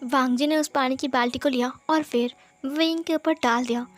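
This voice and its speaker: A woman's voice: high voice, fairly even intonation, normal speed, faint music behind. A woman narrating a fan fiction story in a casual retelling style.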